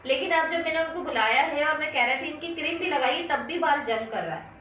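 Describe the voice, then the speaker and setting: A woman's voice: high-pitched, a little fast, a bit bright. A woman beauty instructor explaining a keratin treatment step by step in a salon, speaking. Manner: explains step by step, uses examples. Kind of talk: hair treatment tutorial. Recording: echoey room, mic at distance, faint noise.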